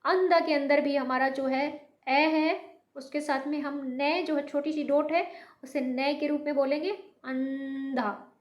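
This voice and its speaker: A woman teaching a Hindi lesson, slowly drawing out each sample word and mixing English words into her explanations. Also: sits high, fairly even intonation, roomy sound. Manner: slow, repetitive, drawn-out pronunciation of sample words. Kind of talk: online language lesson.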